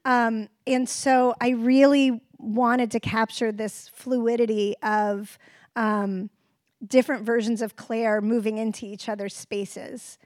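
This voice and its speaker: A woman's voice: on the high side, flat delivery, takes it slowly, darkish tone, no echo, clean studio sound. A woman in her forties who adapted a book into a series, talking reflectively in a conversational interview. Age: 40s.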